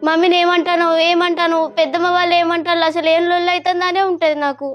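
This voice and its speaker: A woman's voice: very high voice, little pitch movement, quick pace, fairly bright tone, soft background music. An actress with a Telangana Telugu accent playing a distressed young daughter who reproaches her drinking father. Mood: reproachful. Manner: reproachful, urgent. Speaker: actress in a family web drama. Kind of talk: dialect family drama acting.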